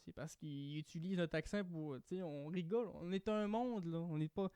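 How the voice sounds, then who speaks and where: A young man with a Québécois French accent, chatting on a podcast in an animated way and swearing casually. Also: fairly high pitch, moderate pace, clear, resonant tone, no room sound. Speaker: podcast host.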